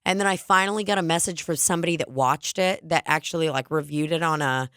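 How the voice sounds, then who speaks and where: A podcast co-host with a rough, strained, lowish voice, joking crudely and saying "like" all the time. The close mic gives a dry sound with no room. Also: female voice, quick pace, a bit bright, no echo. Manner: crude jokey banter, frequent laughs and fillers like "like". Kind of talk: casual comedic chat.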